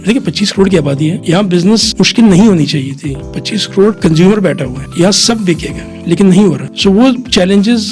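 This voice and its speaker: Pakistani man explaining, fairly high voice. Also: lively intonation, fast talker, few pauses, darkish tone, soft background music. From Pakistan, Quetta. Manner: mixes English phrases into Urdu, frequent "theek hai". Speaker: guest, chartered accountant. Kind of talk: podcast interview, explaining at length.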